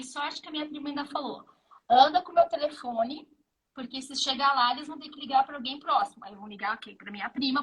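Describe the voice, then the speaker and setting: A Brazilian woman in her fifties with a Brazilian Portuguese accent appears as a guest in a casual interview, speaking in a high-pitched, slightly bright voice. She tells stories vividly and acts out the dialogue, though the audio quality is poor.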